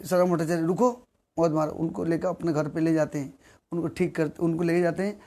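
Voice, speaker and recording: A man giving a devotional sermon, repeating phrases and asking rhetorical questions, sometimes singing verses slowly. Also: a little high, flat delivery, mellow. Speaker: preacher.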